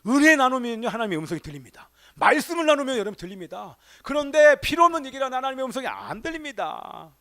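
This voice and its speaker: A male pastor preaching a Sunday sermon in a church, firing rhetorical questions at the congregation and swinging between emphatic exclamations and hushed asides. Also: very high-pitched, sing-song, fast, hardly any pauses. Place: church sanctuary.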